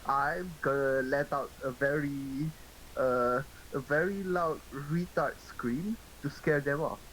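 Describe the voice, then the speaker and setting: A man at a tabletop game, with a voice a little higher than most. He jokes and banters casually with the other players. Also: slow pace, fairly bright tone, a little hiss or hum, rough recording.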